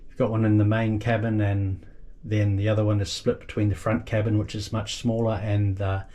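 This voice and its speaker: A man giving a casual, unscripted walkthrough of a boat's engine room, halting a little as he thinks aloud and points things out. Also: lowish voice, little pitch movement, mellow, slight background noise. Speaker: boat owner giving a tour. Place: small boat engine room.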